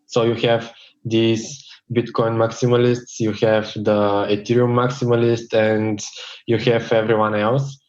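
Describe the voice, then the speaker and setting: A man with a somewhat low, very flat voice. He answers interview questions in a measured way and sometimes stumbles over his words. The audio is dull and muffled, as on a remote call. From Bulgaria. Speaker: tech lead guest.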